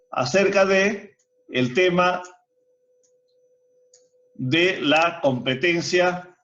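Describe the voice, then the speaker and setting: A male teacher with a high, somewhat bright voice gives an online grammar lesson, breaking it down step by step and tossing rhetorical questions to his students. The video-call sound is muffled.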